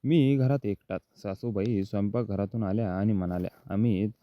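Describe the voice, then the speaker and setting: A man narrates a first-person story in a measured, steady voice that sits on the low side. The recording is dull and lo-fi, with a dry sound and no room echo.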